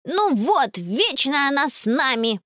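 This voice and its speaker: A woman's voice: sits high, big pitch swings, a little slow, sharp tone, no room sound, studio quality, voice pushed up, exaggerated voice. A woman voicing a stubborn, sulky little boy in an audiobook, whining and insisting. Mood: whiny. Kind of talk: audiobook character voice.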